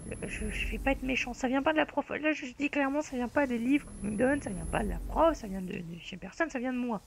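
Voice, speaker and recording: A man's voice: extremely high pitch, fairly quick, gravelly, slight background noise. A teenage boy hosting a casual chat, rambling and self-mocking as he talks. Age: teen. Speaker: YouTuber host. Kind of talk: casual chat over voice call.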